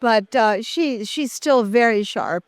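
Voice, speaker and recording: An older woman, a guest actress in an interview, reminiscing in a halting way with many fillers and restarts. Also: fairly high pitch, no echo.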